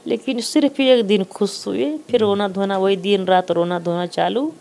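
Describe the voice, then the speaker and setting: Gravelly woman. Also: mid-range voice, steady tone, moderate pace, a little mellow. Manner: earnest, dialect-heavy, repetitive retelling. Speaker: interviewee, mother. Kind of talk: emotional personal storytelling.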